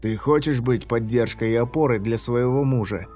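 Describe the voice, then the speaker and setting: A man's voice: mid-range voice, moderate pace, mellow, natural voice. A cruel, playful male killer taunts his captives in a sneering, raised voice, as a man reads him. It sits in a horror audiobook over faint background music. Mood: taunting.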